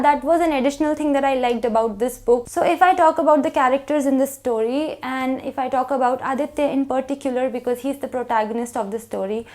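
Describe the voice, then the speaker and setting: High-voiced young woman reviewing a book. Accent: Indian English. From India. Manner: earnest, even explaining tone with frequent "so" openers.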